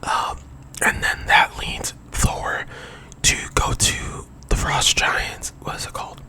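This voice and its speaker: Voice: slow, sharp tone. A young adult whispering a casual, rambling ASMR monologue that wanders off on digressions. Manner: whispering throughout. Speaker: ASMR video creator.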